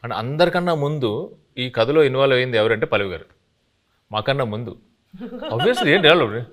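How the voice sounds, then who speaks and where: A film director answering interview questions, explaining at an easy pace and laughing lightly now and then. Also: male voice, mid-range voice, lively intonation, moderate pace, a bit bright.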